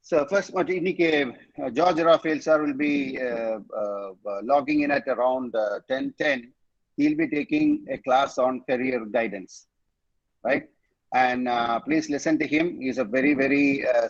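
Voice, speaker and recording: A man's voice: mid-range voice, a little fast, no echo, muffled recording. A middle-aged man with a Tamil accent teaching an online college training class, switching between languages and repeating words to drill them. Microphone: online class mic.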